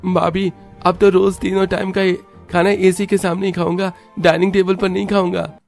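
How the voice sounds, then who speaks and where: A man voicing an eager, excited teenage boy in a cartoon. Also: high voice, normal speed, gravelly, faint music behind, voice pushed up.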